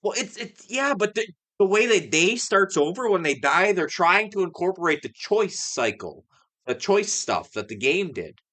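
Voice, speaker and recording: A man's voice: high voice, big pitch swings, normal speed, bright, forceful tone. A man co-hosting a podcast in casual chat, rambling and swearing freely as he talks about films and shows. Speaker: podcast co-host.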